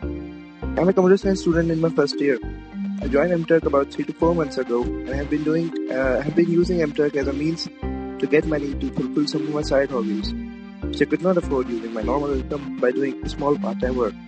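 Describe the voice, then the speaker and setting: A man of twenty, a first-year computer science student, giving quick, wordy answers. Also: a little high, over loud music. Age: 20s.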